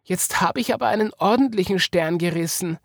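A man voicing a brave, cheerful little girl in a children's story, with a high, eager childlike voice and an Austrian accent. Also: fairly quick, vocal fry, a bit bright, no echo, studio quality, exaggerated voice. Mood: worried.

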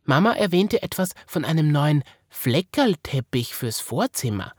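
Guy doing a high chirpy little austrian girl, curious and eager, storybook voice. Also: sing-song, measured pace, husky, no room sound, clean studio sound, full character voice.

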